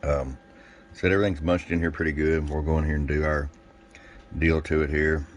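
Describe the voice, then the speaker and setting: A radio technician and seller gives a casual, folksy product demonstration of technical gear. He has a bass voice with a flat, brisk delivery, and the recording picks up clear background noise and room ambience.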